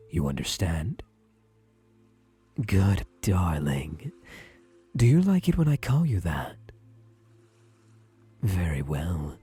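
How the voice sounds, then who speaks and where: For an ASMR roleplay, a man plays a softly controlling male therapist. His low, exaggerated voice swoops and dips through slow, deliberate reassurances, hushed and breathy, full of obsessive, doting tenderness. He sounds calm and controlling, soothing and hushed, and he drops into breathy murmurs.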